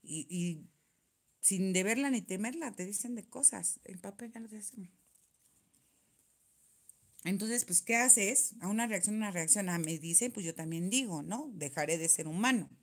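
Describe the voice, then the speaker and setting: A woman's voice: mid-range voice, moderate pace. A young woman with a Mexican Spanish accent, chatting live with her viewers and venting about comments in a casual, talkative way. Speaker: nail vlogger reading live chat.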